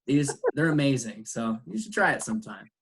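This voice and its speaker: English teacher, male, slightly husky, patient explainer on a video call. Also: mid-range voice, lively intonation, brisk. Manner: patient, explains words with examples. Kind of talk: online English lesson.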